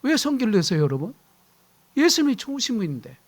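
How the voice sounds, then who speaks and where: Middle-aged male pastor, high lively voice, preaches animatedly and acts out quarrels. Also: quick pace. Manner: animated preaching, acting out shouted household quarrels. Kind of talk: sermon.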